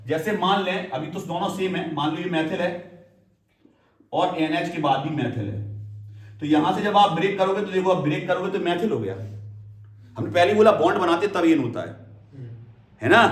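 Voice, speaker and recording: Male chemistry teacher, classroom lecture, keeps checking "clear?", high voice in a roomy hall. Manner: repeats key terms and checks understanding with "clear?"; addresses students fondly as "beta". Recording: echoey room, voice from a distance.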